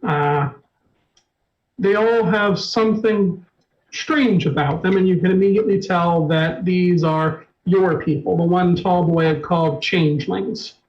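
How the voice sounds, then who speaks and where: Male game master, narrating, halting with fillers, high voice, slow, dull lo-fi audio. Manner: halting, many fillers and restarts.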